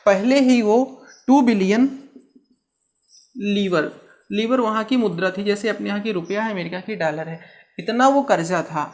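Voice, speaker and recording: A teacher giving an exam-prep history lecture, asking rhetorical questions, answering them straight away, and explaining terms with everyday comparisons. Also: medium pitch. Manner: keeps checking in with "ठीक है".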